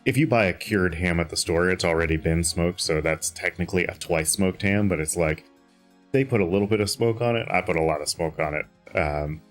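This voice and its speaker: Tired male streamer, very low voice, rambling home chat with faint music behind. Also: a little fast. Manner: rambling, chatty, many fillers and restarts. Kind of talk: casual chat while gaming.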